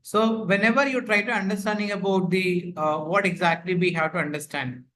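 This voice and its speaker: Speaking over a video call through his computer mic, an instructor teaches a live online class in a brisk, fairly bright voice that sits high, with fairly even intonation. His explanations repeat themselves and are packed with fillers, often "like, you know."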